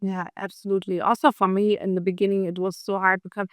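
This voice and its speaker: A woman raised in Germany, speaking English as a second language, talks as a guest in a relaxed chat. She hesitates often, filling gaps with little fillers and laughing easily. Her voice is smooth and clear, picked up dry and close. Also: mid-range voice, fast, no room sound. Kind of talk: casual interview chat.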